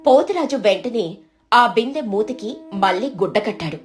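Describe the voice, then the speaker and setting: A woman narrating an animated moral storybook in a steady, scripted storytelling voice. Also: medium pitch.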